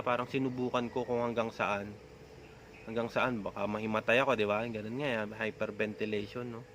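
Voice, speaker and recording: A man's voice: mid-range voice, a bit bright, a little hiss or hum. Man, rambling casual vlog talk. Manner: rambling, frequent filler tags. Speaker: vlogger.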